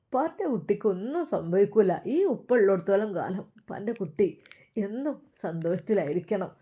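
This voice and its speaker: A woman voicing a tender, grieving father who softly comforts his daughter in a spoken story. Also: medium pitch, animated, fairly quick, natural voice. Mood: tender, pleading. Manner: soft, comforting, pleading.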